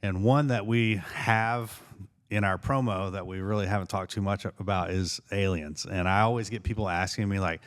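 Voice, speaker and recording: A man's voice: lowish voice, normal speed, smooth. A man hosting a podcast, asking questions and musing in a conversational way, with lots of "uh" and "you know". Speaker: podcast host. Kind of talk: casual podcast interview.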